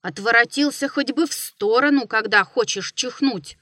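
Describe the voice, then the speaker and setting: A woman's voice: a little high, moderate pace, sharp tone, no echo, studio quality. A woman voicing a stubborn old village grandfather who grumbles to himself, in a storybook reading. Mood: grumbling.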